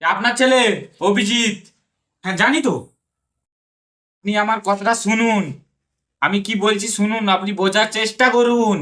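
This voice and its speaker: A man's voice: sits high, steady tone, moderate pace, long pauses, fairly bright tone. A man performing a bickering, exasperated back-and-forth in a comedy sketch. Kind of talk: comedy sketch with several characters. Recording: noisy background.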